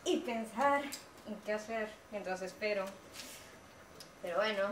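A woman's voice: medium pitch, a little slow, close to an everyday voice. A young actress playing a stoned, mocking, easily panicked woman on stage, drawling and sighing in exclamations. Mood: dazed, drawling. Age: young adult. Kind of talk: stage comedy acting. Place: small theatre stage indoors. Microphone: distant camera. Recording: roomy, distant stage recording with noise.

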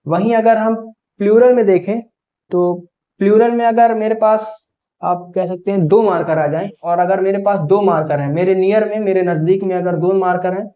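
A male teacher giving a grammar lesson for exam students, explaining step by step and slowing down to spell out example sentences. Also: high-pitched, fairly even intonation, warm tone, lo-fi sound.

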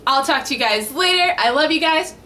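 High-voiced, jokey young woman cooking at home. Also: animated, brisk, bright, forceful tone, slight background noise. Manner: jokey, punny, chatty. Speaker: cooking vlog host. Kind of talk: casual cooking vlog to camera. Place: home kitchen, indoors.

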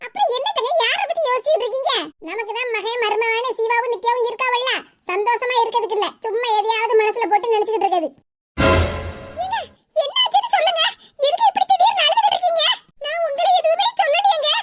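A woman's voice: very high-pitched, fast, few pauses. A woman voicing a worried village wife in a cartoon, with a Kanyakumari Tamil accent, pleading and questioning insistently. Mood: worried, coaxing. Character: worried village wife, coaxing her husband. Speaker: voice actor. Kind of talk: cartoon voice acting. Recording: noisy background hiss.

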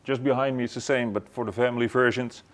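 Speaking quickly in a steady, medium-pitched voice, this company executive shows visitors around his factory, starting in a warehouse and ending in a glass-walled office. He's a middle-aged native Dutch speaker from the Netherlands with a Dutch accent. His answers are full of fillers and restarts.

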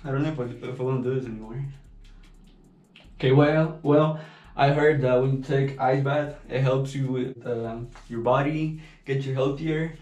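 A young adult man vlogging a challenge in a small tiled home bathroom chats to camera casually but reluctantly, swearing and exclaiming in slang. His mid-range voice is steady, darkish, and at normal speed. The camera sits a few feet away, so the recording is muffled, echoey, distant, and noisy.

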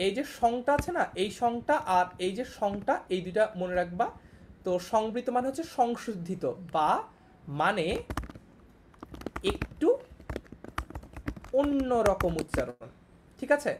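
A woman's voice: mid-range voice, animated, a little slow, pauses often, a little mellow, slight background noise. A young woman teaching an online class, patiently repeating each point and checking that her students follow.

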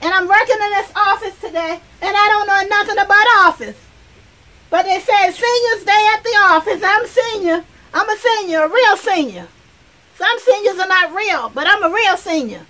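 A woman's voice: very high voice, animated, brisk, bright, forceful tone, pitched above the performer's own voice, full character voice. A woman playing a chatty, brash 82-year-old woman in a comic monologue, rambling and talking straight to viewers. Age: older. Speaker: comedic character sketch. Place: outdoors.

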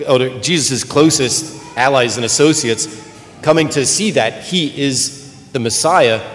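A man's voice: mid-range voice, unhurried, soft background music. A man serving as clergyman, reading the gospel and preaching a homily in a large church, his voice carrying a long cathedral-like echo. He speaks earnestly, searching for words and often restarting. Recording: long church reverb, faint room noise.

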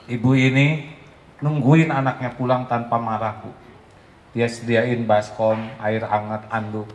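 Man preaching gently. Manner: gentle, storytelling, acts out mothers in a shrill voice. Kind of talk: sermon answering a question. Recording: echoey hall with faint noise.

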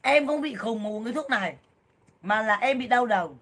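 A woman in her thirties on a casual livestream, loud, blunt and jokey, full of exclamations as she talks to viewers. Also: a little high, expressive, moderate pace. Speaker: livestream seller and vlogger.

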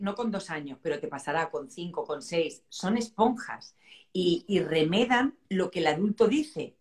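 A woman, interviewing in a chatty way, agreeing often and asking follow-up questions. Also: fairly low pitch. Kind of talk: conversational interview.

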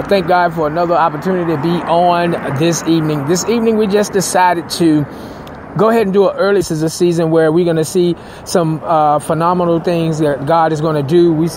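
A middle-aged Southern pastor with a fairly high voice hosts his radio talk show, rambling loosely from one thought to the next and dropping in amens. Faint noise sits under the recording. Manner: loose, rambling, with many restarts and church interjections. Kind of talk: casual talk radio monologue.

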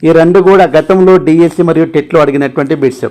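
A man's voice: fairly high pitch, fast talker, a little mellow. A man with a Telugu accent teaching an exam-prep grammar lesson, emphatic and repeating key terms. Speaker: English teacher for exam aspirants.

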